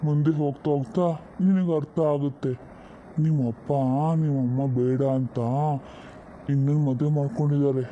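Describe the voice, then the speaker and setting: A man's voice: a little high, steady tone, moderate pace, narrow, tinny audio, a little hiss or hum, close to an everyday voice. A man voicing a stern but doting old grandfather, who scolds and then turns fond. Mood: fatherly.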